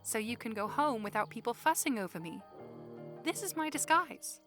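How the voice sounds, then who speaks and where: Young princess, played by a woman: higher-pitched, polite and earnest, formal phrasing, audio drama with music underneath. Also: expressive, normal speed, fairly bright tone. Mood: lightly playful. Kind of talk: fan audio drama acting.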